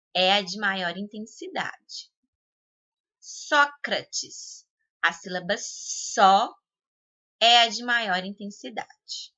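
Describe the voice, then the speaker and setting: A woman with a Brazilian Portuguese accent teaches a school lesson at a slow, patient pace. Her voice is very bright and sharp, and she stretches out each example word. The recording is dull and lo-fi. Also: medium pitch. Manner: slow, patient explaining with drawn-out example words.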